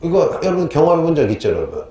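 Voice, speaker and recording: A middle-aged male history teacher giving a lively lecture, quizzing his students with call-and-response questions. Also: fairly high pitch, very fast. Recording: echoey room, faint noise.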